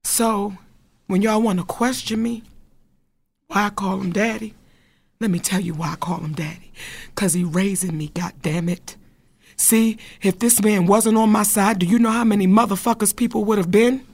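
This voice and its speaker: A woman's voice: medium pitch, fairly even intonation, moderate pace, a little mellow. A woman speaking passionately and bluntly to an audience about standing by her husband. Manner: bold, outspoken, emphatic, profane. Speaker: wife speaking on a panel. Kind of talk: passionate spoken address.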